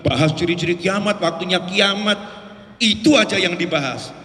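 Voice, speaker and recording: A male preacher giving a lively, casual sermon, telling stories and acting out their voices. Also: high voice, moderate pace. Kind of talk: lively religious sermon storytelling. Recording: roomy hall reverb.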